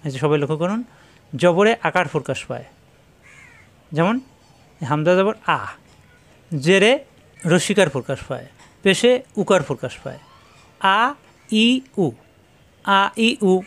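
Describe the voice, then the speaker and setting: A man teaching letter pronunciation, repeating syllables slowly and instructively, with a Bangladeshi Bengali accent. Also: a little high, lively intonation. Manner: repetitive, instructive, drawn-out syllables. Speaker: Quran reading teacher. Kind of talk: slow drilled pronunciation lesson.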